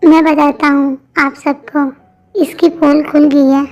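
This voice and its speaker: A woman's voice: high voice, level tone, slow pace. A woman voicing a cold, rude young husband in an amateur fan dub drama, speaking harshly and dismissively. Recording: muffled lo-fi audio with soft music.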